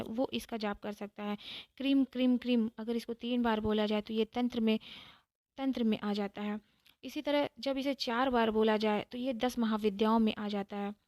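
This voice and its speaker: A woman giving a calm devotional talk, explaining step by step and repeating phrases for emphasis. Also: fairly high pitch, no echo. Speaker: spiritual teacher.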